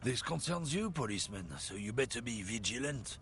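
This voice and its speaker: Brief: a sneering bigot in a video game, gravelly, heavy accent, swooping lectures. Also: male voice, mid-range voice, expressive, a little fast, fairly bright tone, slight background noise. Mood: lecturing. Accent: heavy continental European-sounding accent. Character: bigoted middle-aged man preaching racial superiority, scornful.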